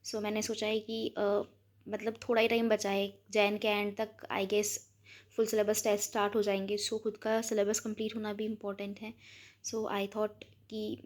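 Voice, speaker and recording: A woman's voice: mid-range voice, monotone, normal speed. A young woman with an Indian accent chatting casually about her study plan, rambling and mixing English into Hindi. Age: young adult. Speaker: student vlogger.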